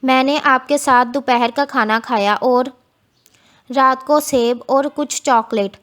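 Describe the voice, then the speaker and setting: A woman's voice: high-pitched, a bit bright. A woman voicing a timid, frightened young wife who pleads hesitantly in a romance audiobook. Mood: pleading.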